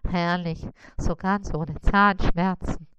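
A woman's voice: on the low side, fairly even intonation, takes it slowly, fairly bright tone, smooth, no room sound, dull audio. A woman doing a wailing, whiny cartoonish spider. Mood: relieved. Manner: moaning and wailing in pain. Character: whiny male cross spider, timid and self-pitying.

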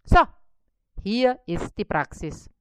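A woman's voice: mid-range voice, expressive, takes it slowly, a little mellow, clean tone, no room sound, clean studio sound. A woman voicing a small, cheeky male critter who is smug and boastful in a children's story. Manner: smug and teasing.

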